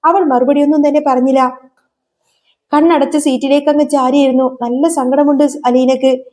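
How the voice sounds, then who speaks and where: A woman's voice: high-pitched, steady tone, normal speed, dark tone. A woman narrating a serial episode as a dramatic, emotional story retelling.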